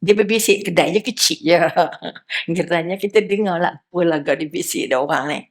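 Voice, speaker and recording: A middle-aged woman with a Malaysian accent giving a lively religious lecture, often asking her listeners questions and acting out little quotes. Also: on the low side, normal speed. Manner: lively, asks the crowd questions, acts out quotes. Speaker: preacher.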